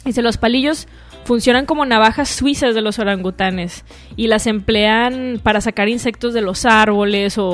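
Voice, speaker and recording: A young woman with a Mexican accent hosting a casual solo radio show, chatty and full of slang and swearing. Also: medium pitch. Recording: music playing faintly behind.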